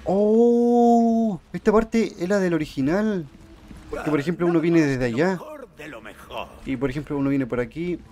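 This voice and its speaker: A man casually commenting on his own video game playthrough, excitable and quick to yell in panic when things go wrong. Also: a little high. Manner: excitable, yells in panic during fights, talks to the character. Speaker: gameplay commentator. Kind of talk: casual let's-play commentary.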